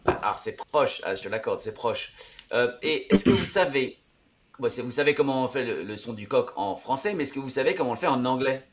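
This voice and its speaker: A man's voice: mid-range voice, expressive, a little fast. A man teaching English words in a casual, patient way. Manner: patient, explaining, chuckles. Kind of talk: casual lesson.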